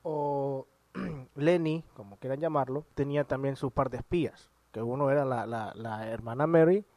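A man's voice: mid-range voice, normal speed, warm tone, no echo. A man co-hosting a casual podcast, arguing animatedly and retelling TV scenes with quoted lines. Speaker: podcast co-host. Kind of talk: casual chat.

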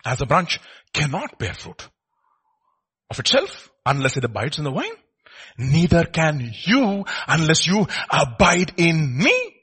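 A man's voice: fairly high pitch, sing-song, measured pace, fairly bright tone, breathy edge. A man with an Indian accent preaching informally, repeating short phrases and putting rhetorical questions to his listeners.

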